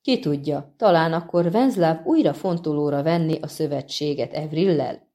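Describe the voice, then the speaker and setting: Menacing male assassin, slow and sneering, read by a woman, low and mellow. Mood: mocking. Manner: slow, drawn-out, mocking. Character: cold, menacing male assassin, soft-spoken.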